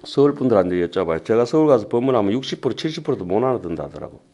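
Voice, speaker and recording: Casting: middle-aged monk with a Gyeongsang accent, lowish voice, slow sutra reading broken by fast chatty asides. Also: male voice, very animated, dark tone, muffled recording. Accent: Gyeongsang dialect. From Gyeongsang region of Korea. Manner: slow deliberate reading of the text, then quick chatty asides to the audience. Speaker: Buddhist monk lecturer. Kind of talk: sutra lecture to lay Buddhists. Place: temple lecture hall with an audience.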